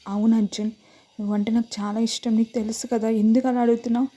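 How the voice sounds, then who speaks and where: A woman's voice: fairly high pitch, little pitch movement, fast, warm tone, pitched above the performer's own voice, close to an everyday voice. A woman voicing a young daughter, tearful and pleading with her father.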